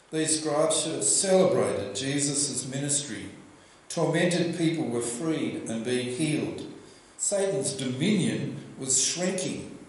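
An older Australian man preaching a sermon at a church lectern, telling the story in a lively way and asking the congregation questions. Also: mid-range voice, a little hiss or hum. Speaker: pastor. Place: church hall with projection screen. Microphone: lectern microphone. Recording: very echoey church room.

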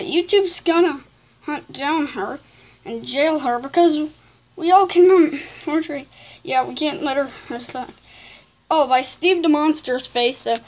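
A woman with a high voice reads comments aloud in a casual vlog style. She adds off-the-cuff replies in a halting, rambling way, often correcting herself as she goes. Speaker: video creator reading viewer comments aloud.

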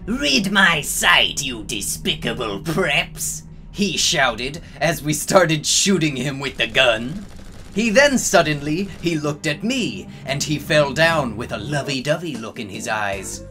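A person reads narration in a comedic dramatic reading. The voice is bright and sharp and swings widely in pitch. Every line comes slow and exaggerated over faint music. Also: expressive. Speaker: co-reader.

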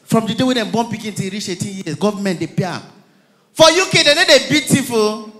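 A man with a Nigerian accent performing a stand-up comedy routine on stage, telling stories in a lively way and acting out the people in them. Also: sits high, a little fast. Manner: lively storytelling, acting out characters.

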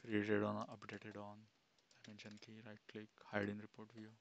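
Low flat-voiced man explaining software steps. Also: moderate pace, highs cut off. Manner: plain step-by-step, thinking aloud with fillers. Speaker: instructor. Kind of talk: screen-recorded software tutorial. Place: small room indoors. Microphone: headset.

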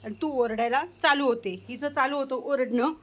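Lady, high voice, home vlog, calling a crow, lots of bird noise behind. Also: a little fast. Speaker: vlogger. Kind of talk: casual home vlog, talking to camera.

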